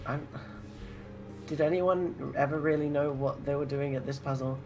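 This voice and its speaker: Female co-commentator, very low pitch, casual and drily joking, clear game music in the background. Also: fairly even intonation, normal speed, poor audio. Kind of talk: casual chat.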